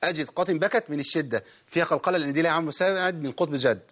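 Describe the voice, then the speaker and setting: Quick-talking Egyptian tajweed teacher. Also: male voice, on the high side, a bit bright. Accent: Egyptian Arabic. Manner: explains rapidly, quizzes viewers, then recites words slowly and drawn out. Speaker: Quran recitation teacher. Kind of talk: TV studio lesson on tajweed. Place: TV studio.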